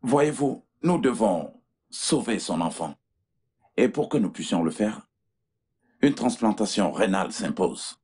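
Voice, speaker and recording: A man playing a serious hospital doctor in a dubbed film, explaining things slowly and patiently. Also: on the low side, lively intonation, a little mellow, slightly rough. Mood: grave. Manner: measured, explaining.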